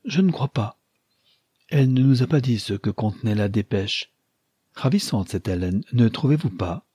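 A man's voice: mid-range voice, animated, normal speed, dark tone, husky, no room sound. A man voicing a chatty, flustered young woman who gushes giddily in an audiobook. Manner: gushing and giddy. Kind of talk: audiobook character voice.

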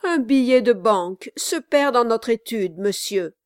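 A woman's voice: on the high side, expressive, unhurried, a little mellow, no room sound, voice pushed up. A fussy, sanctimonious lawyer laments in a raised, whining voice, as a woman reader puts him on. He sighs over the shame of it in a dry, close recording.

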